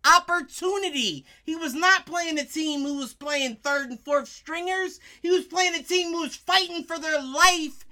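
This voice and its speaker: An American woman argues about sports in a high, bright voice. She is emphatic and casual, full of slang and swearing. She cuts in freely and presses her point like a panelist in a heated debate. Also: unhurried, few pauses. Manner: emphatic, profane, slangy, interrupting.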